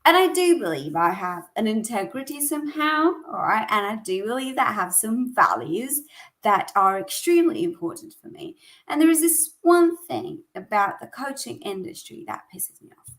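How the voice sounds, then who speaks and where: A woman's voice: a little high, very animated, moderate pace, a bit bright. Woman, early 30s, vlog host; casual, talky, ranting delivery. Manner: chatty, rambling, ranting, emphatic. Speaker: coach and weekly vlog host. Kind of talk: casual talk to camera.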